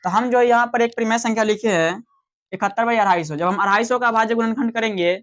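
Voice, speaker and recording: Slow-explaining Hindi maths teacher, man. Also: high-pitched, a bit bright. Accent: Bihari Hindi. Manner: slow, explanatory, asks questions and answers them himself. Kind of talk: classroom maths lecture.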